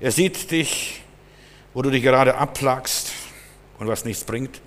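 A man preaching a sermon emphatically, his voice swinging between loud stresses and quieter passages. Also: mid-range voice, takes it slowly. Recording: long hall reverb.

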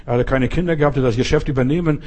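A man's voice: medium pitch, racing, mellow, breathy edge. A man preaching a sermon as pastor, speaking directly to each listener and often checking whether they follow. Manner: conversational, addresses the listener directly and keeps asking if they follow.

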